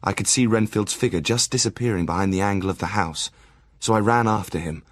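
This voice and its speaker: An actor playing a serious, conscientious Victorian doctor narrating his diary and letters in an audio drama, measured and formal. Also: fairly low pitch, lightly acted. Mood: urgent, grave.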